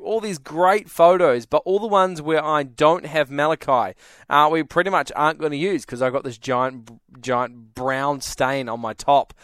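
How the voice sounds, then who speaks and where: A man's voice: a little high, fairly bright tone, no echo, clean studio sound. A man hosting a radio talk show, chatty and laughing along with callers. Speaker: radio host. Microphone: studio microphone.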